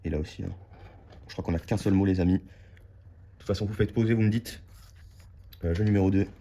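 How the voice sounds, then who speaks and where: A man's voice: low-pitched, fairly even intonation, brisk, mellow. A man giving casual running commentary to his viewers while scratching lottery tickets, repeating words as he checks them. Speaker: scratch-card vlogger.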